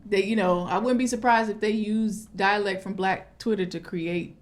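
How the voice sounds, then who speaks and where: A woman's voice: mid-range voice, steady tone, moderate pace. A woman talking casually as a podcast host. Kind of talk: casual conversation.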